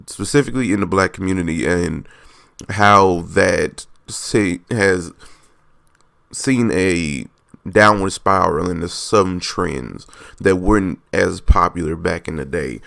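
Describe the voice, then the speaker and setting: A young man with a low, gravelly and raspy voice hosts a casual solo podcast. He rambles loosely, restarts his thoughts and corrects himself as he goes. The sound is dry and close, with no room around it. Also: a bit bright, no room sound. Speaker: podcast host.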